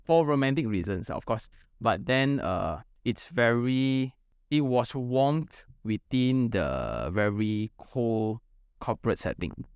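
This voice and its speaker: A man's voice: medium pitch, very animated, slow pace, clear, resonant tone, dry recording. Malaysian man hosting a casual podcast, dry close sound. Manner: colloquial English with local particles and slang. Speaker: podcast host.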